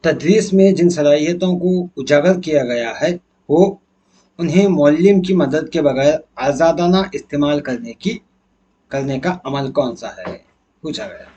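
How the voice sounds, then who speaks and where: مرد استاد، ہلکی کھردری آواز. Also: male voice, fairly high pitch, animated, dark tone, husky, muffled recording. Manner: explains step by step, asks and answers his own questions. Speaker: teacher explaining exam answers. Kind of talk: exam answer key walkthrough.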